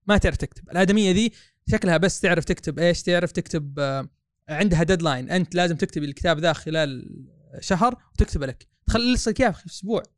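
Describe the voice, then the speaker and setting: A man talks in a blunt, ranting way on a casual podcast. He rattles along very fast in a somewhat high voice. The room is dry and close. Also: animated, no room sound. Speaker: podcast co-host. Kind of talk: casual chat.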